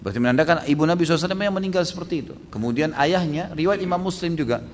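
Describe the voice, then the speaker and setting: A man preaching and answering questions at a religious study session, fast and emphatic, with many rhetorical questions. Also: on the high side, lively intonation, in a large hall, a little hiss or hum.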